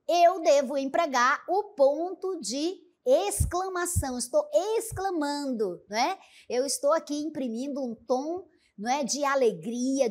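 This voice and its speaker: A woman teaching a grammar lesson, reading examples aloud with exaggerated intonation and often checking in with the listener. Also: sits high. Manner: didactic, checks in with "né?" and "certo?".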